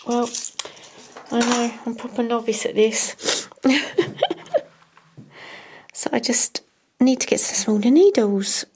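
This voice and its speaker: A woman's voice: on the high side, steady tone, takes it slowly, long pauses, a little mellow, slight background noise. A woman, chatting to herself while she crafts, often half-whispering and chuckling at herself. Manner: self-mocking, chuckling. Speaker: crafting vlogger. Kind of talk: casual talk while crafting.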